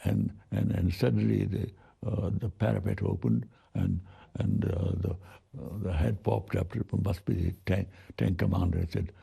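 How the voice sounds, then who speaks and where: A very old man of over a hundred from British India, with a gravelly, husky voice, reminiscing haltingly in an interview. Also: fairly low pitch, fairly even intonation, warm tone. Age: 104. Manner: halting, with repeated words. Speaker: Second World War veteran interviewee.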